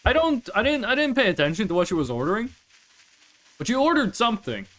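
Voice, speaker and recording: Streaming a game, a young native Norwegian from Northern Norway talks casually in his Northern Norwegian accent, wandering through stories with mock-formal asides. He talks fast in a high, slightly bright voice with big pitch swings, captured in a low-quality recording.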